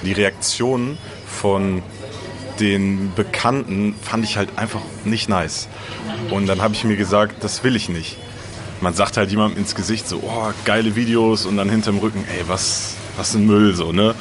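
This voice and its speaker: A young man with a deep voice, talking casually as a gaming YouTuber, with slang and English loanwords. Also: steady tone, normal speed, a crowd in the background. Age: young adult. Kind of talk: casual interview talk.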